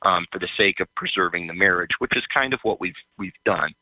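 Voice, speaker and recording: A man calling in to a radio show over a phone line, talking in a hesitant, halting way with many fillers. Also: low voice, no room sound. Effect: heard over a phone line. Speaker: caller. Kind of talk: call-in conversation. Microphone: phone held by the caller.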